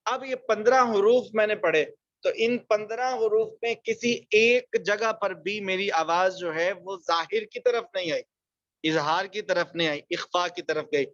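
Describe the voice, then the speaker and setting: A man with a fairly high voice teaches an online recitation class. He explains quickly, then stretches out each example word slowly. The sound is dry and a little dull, like a lo-fi recording. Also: fairly bright tone, no echo. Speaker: Quran tajweed teacher.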